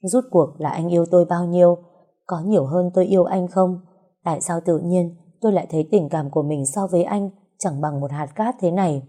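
A woman narrates a novel in the first person, reflective and emotional in her storytelling. Her voice is low-pitched and very mellow, with no brightness at all. The delivery suits an audiobook. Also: brisk.

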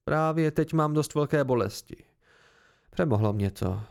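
A man's voice: on the high side, lively intonation, gravelly, a little mellow. A man voicing a battered, weary innkeeper with a dry, wry wit, in an amateur audiobook reading. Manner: wry, pained, tired.

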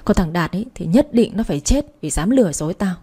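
A woman voicing a furious young mother who curses and shouts to get her baby back. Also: fairly low pitch, animated, quick pace, breathy edge. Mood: bitter. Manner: shouting, cursing.

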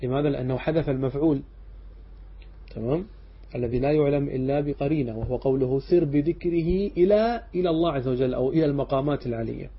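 Husky-voiced sheikh teaching a class. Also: male voice, mid-range voice, fairly even intonation, very fast. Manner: asks students questions and answers them himself; checks understanding with short asides. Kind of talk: classroom lecture explaining a text line by line. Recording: dull lo-fi lecture recording.

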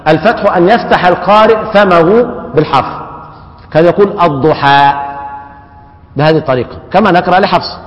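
Egyptian male teacher, slightly high voice, patient repeating lecture style, dull lo-fi hall recording. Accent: Egyptian Arabic. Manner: explains slowly, repeats terms, checks in with "yes". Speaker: Quran recitation teacher. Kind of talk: classroom lecture on recitation rules. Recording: echoey hall, dull lo-fi sound.

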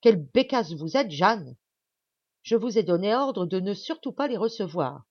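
A woman voicing a gruff, impatient middle-aged male doctor who blusters and grumbles. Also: low voice, normal speed, darkish tone, dry recording, muffled recording. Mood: exasperated.

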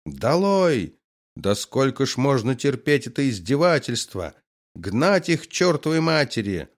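A man voicing a bitter, furious old man who shouts from the crowd. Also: mid-range voice, sing-song, unhurried, pitched above the performer's own voice.

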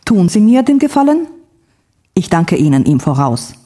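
A woman reading the part of a gentle, scheming husband who coaxes and reassures. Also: fairly low pitch, sing-song, moderate pace. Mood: coaxing. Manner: coaxing, reassuring.

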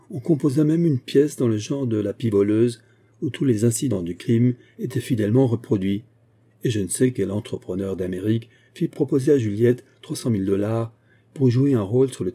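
Man reading an old novella, really dark mellow voice, kinda husky, steady. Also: lowish voice. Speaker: audiobook reader. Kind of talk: scripted narration.

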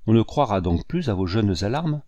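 A man reading a poem aloud with tenderness and measured pacing. His low, warm voice swells at dramatic moments. The recording is dry and close. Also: very animated, no echo, highs cut off. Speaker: audiobook reader. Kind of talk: expressive poetry reading.

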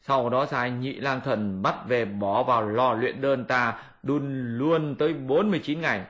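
A man's voice: medium pitch, a little slow, fairly bright tone, dull audio, lightly acted. A man doing a stern old immortal sage. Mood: stern scolding.

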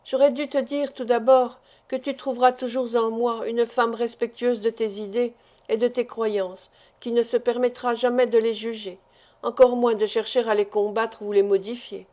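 A woman voices a timid, loving young fiancée in an audiobook. She pleads with hesitation and embarrassment, in a mellow, fairly high voice. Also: flat delivery, normal speed, natural voice. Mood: pleading. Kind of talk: audiobook dialogue reading.

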